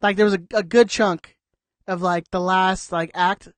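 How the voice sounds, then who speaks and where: A man's voice: high voice, fairly even intonation, moderate pace. A man co-hosting a podcast in casual chat, rambling with lots of "like" and "dude". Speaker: podcast co-host.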